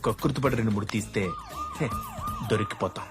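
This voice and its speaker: This is an actor as a scheming delivery man in a film comedy, quick and glib as he lays out his schemes. Music plays under the soundtrack. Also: fairly low pitch, natural voice. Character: sly young male delivery boy skimming tips.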